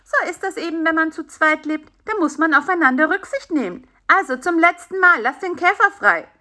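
A woman putting on a squeaky bossy little fly. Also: a little fast. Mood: indignant. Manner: high, excited and demanding. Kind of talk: children's audiobook voice acting.

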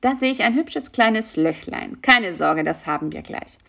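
A brisk, politely fussy male mosquito dentist, as a woman reading a storybook puts him on. He talks in a practical, reassuring way, with a slightly gravelly tone. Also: fairly high pitch, animated, fairly bright tone, heavily acted.

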